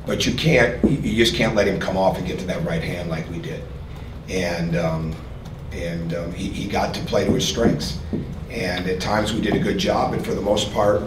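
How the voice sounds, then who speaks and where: A man's voice: low-pitched, normal speed. A middle-aged man, a basketball coach, answering questions at a postgame press conference in an earnest manner, often repeating words while he thinks. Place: press room with sponsor backdrop. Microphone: podium mic. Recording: echoey room, distant mic, noisy.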